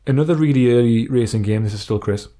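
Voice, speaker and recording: This podcast co-host is a fast talker with a warm, medium-pitched voice. He chats informally about retro racing games and reads out messages sent in by listeners.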